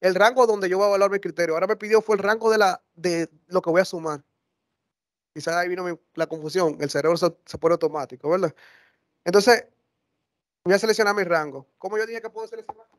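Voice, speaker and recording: A man giving a live software tutorial as workshop instructor, talking conversationally and often correcting himself mid-sentence. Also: sits high, steady tone, quick pace, no echo, clean studio sound. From Dominican Republic. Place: classroom or lecture hall.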